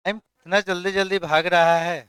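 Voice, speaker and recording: Loud high-voiced chemistry teacher. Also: male voice, little pitch movement, normal speed, clean tone, dry recording. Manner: loud, questioning the class, mixing English terms. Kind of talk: classroom lecture.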